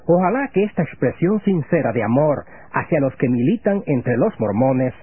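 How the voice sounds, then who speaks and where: A man's voice: mid-range voice, breathy edge, no echo. Formal religious radio host, man. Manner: formal, measured, reverent. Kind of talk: scripted religious radio interview. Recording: phone-like lo-fi radio broadcast.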